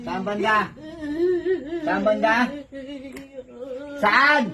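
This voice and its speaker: A man's voice: high voice, drawn-out words, distant mic, a crowd in the background. A man acting as faith healer in an exorcism session, commanding and hammering the same questions over and over. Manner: commanding, repeats questions insistently. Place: home healing session.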